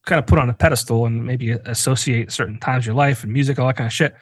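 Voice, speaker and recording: A podcast host in his forties from northeastern Pennsylvania talks fast in a husky, mid-range voice on a dry recording. Chatting casually, he tells self-mocking stories with animation and swears freely.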